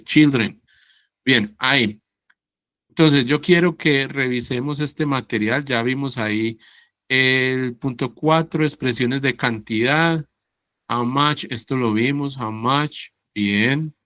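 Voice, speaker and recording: A man teaching an English class over a video call talks at an unhurried, deliberate pace and keeps stopping to make sure his students understand. His voice sits at an ordinary middle pitch and sounds close and dry, with no room echo. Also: fairly bright tone. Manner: slow, patient, checks understanding with "¿sí?" and "¿cierto?". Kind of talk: online class explanation.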